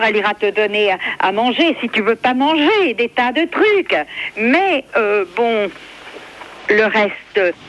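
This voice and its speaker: A member of the public, a French woman in her fifties, is caught in a prank call and talks casually, hesitant and accommodating. She has a medium-pitched, fairly bright voice, captured in a phone call recording with faint noise.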